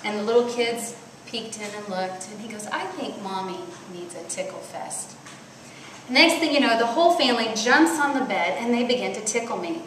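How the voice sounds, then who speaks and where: A woman in her forties, a loud, animated speaker, telling a personal story at a church women's conference. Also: on the high side, brisk. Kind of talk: storytelling sermon. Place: large hall at a church retreat. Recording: echoey hall, faint noise.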